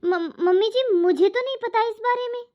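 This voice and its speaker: A meek young daughter-in-law in a cartoon story, voiced by a woman. She answers hesitantly and defends herself. Her voice is high, and the sound is slightly lo-fi. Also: normal speed.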